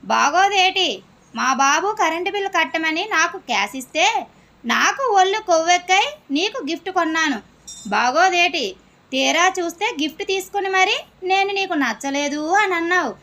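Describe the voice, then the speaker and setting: Comedy skit: jilted young man, reproachful and sulky, played by a woman, high and bright. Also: expressive, moderate pace, heavily acted.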